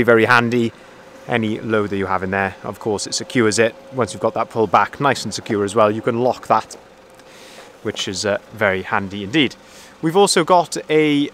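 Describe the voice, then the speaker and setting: A man's voice: mid-range voice, fairly bright tone. Car sales guy doing a walkaround outside, friendly, a bit of lot noise. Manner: friendly, methodical, repeats phrases. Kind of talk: walkaround vehicle review. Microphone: handheld phone camera, filming himself off-screen.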